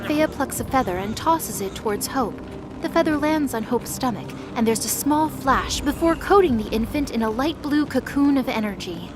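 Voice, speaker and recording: Music sounds clearly beneath the narration as a woman with a fairly high voice reads a dramatic scripted story. She is expressive and speaks at a normal speed.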